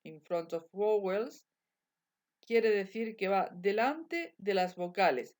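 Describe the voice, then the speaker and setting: A woman, teaching English grammar in a slow, repetitive bilingual lesson. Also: medium pitch, lively intonation, darkish tone. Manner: slow, repetitive drilling of examples.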